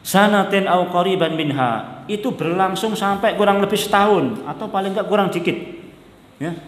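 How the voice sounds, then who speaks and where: A man giving a religious study lecture as a preacher, chatty, often checking that listeners follow, laughing, and chanting Arabic text. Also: on the high side. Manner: mixes in Javanese phrases and chants Arabic text. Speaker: Islamic preacher. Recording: echoey hall, long reverb.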